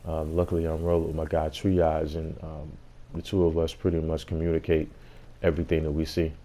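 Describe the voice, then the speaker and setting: A man's voice: rumbling low, completely flat delivery, brisk, mellow. A man giving a casual gameplay tutorial as host, explaining things in an informal way.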